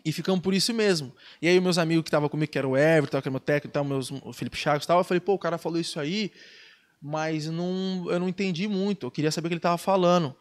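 Fast-talking Brazilian man telling stories. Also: a little high. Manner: animated, slangy, acts out quoted dialogue. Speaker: guest, pro surfer. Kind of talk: casual podcast storytelling.

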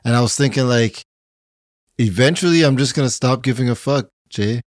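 A man's voice: medium pitch, moderate pace, no echo. Chill podcast guy telling a story, swears some, dry close sound. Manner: laid-back storyteller, laughs easily, swears. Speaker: podcast co-host. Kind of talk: casual chat.

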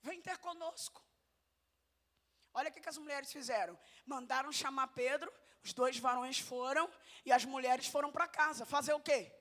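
High-voiced woman pastor preaching, bright and punchy, talks right at the church. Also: moderate pace. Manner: animated preaching, talking straight to the congregation. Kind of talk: sermon.

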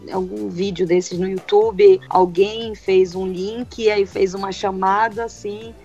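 Woman, chatty panelist, mid-pitched, faint music behind. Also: fairly even intonation, measured pace, warm tone, dull audio. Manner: chatty, acts out quoted voices. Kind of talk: casual panel chat.

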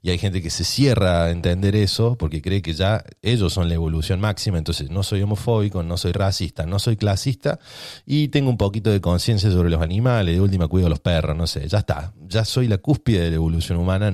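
A man's voice: low voice, fairly quick, a little mellow, no echo, clean studio sound. A man with a Rioplatense Spanish accent hosting a solo podcast, musing aloud in a provocative, rambling way. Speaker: podcast host. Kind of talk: casual solo podcast monologue.

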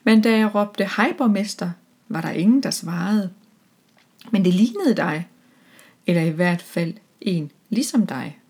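A woman's voice: medium pitch, lively intonation, a little mellow, breathy edge. A woman reading as a chatty, friendly seal. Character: helpful seal who collects shiny things.

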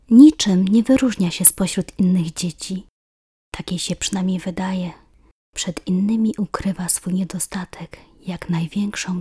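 A woman reading a children's story aloud, often dropping to a soft whisper in the narration. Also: medium pitch, breathy edge.

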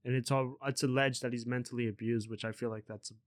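A young man chats his way through a podcast segment in a loose, rambling manner. His voice sits at an ordinary middle pitch. The sound is dry and close, with no room around it. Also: steady tone, fast talker, no room sound. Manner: rambling, loose, swears casually. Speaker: podcast host. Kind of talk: casual podcast chat.

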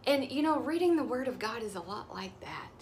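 A woman's voice: fairly high pitch, animated, fairly quick, a little hiss or hum. A woman in her thirties giving an earnest, encouraging devotional teaching as host of her ministry show.

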